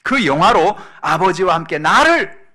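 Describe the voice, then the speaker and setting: Man playing Jesus in prayer: earnest, pleading, reverent, bright-toned. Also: sits high, very animated, a little slow, voice pushed up, full character voice. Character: Jesus, a grown man praying earnestly to his Father.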